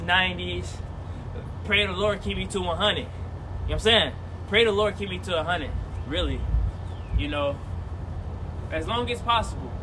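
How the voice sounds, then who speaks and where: A man in his twenties, a streamer, talking casually in a rambling vlog and repeating his phrases, recorded on a phone outdoors near traffic. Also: high-pitched. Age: 20s. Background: cars and city noise.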